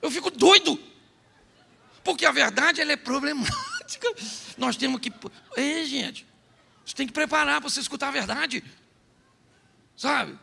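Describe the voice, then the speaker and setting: A man's voice: very high voice, huge pitch swings, moderate pace, gravelly, long pauses, sharp tone. A man with a Brazilian Portuguese accent preaching a sermon in a large church hall, teasing and joking directly with his congregation. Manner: humorous, teasing, talks straight to the congregation. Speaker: pastor.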